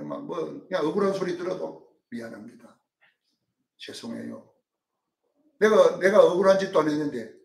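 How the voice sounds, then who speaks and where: A male pastor preaching a sermon, dramatic, swinging from loud calls to hushed asides and acting out quotes. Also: sits high, gravelly, recorded from a distance. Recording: roomy sound from off-mic.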